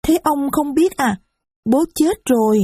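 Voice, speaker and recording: A woman voicing a small, innocent little girl who speaks slowly and sweetly in a storybook reading. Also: high voice, dark tone, no room sound, clean studio sound, voice pushed up. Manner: slow, sweet childlike phrasing.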